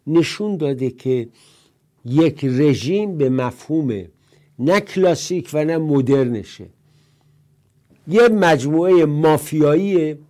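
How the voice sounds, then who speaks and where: A man's voice: medium pitch, warm tone. An older man hosting a political commentary show, talking in a rambling, conversational monologue and reciting the odd verse. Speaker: host.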